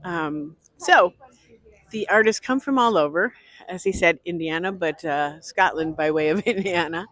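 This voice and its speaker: A woman's voice: on the low side, normal speed, a bit bright, no room sound. A woman walking through an outdoor art festival, narrating her vlog chattily and greeting people she passes. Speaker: vlogger.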